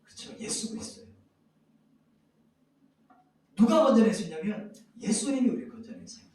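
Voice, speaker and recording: A man preaching a sermon as a pastor, lively and animated, acting out loud cries and sighs of lament. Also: very high-pitched, a little fast, heavy reverb, distant mic, rough recording.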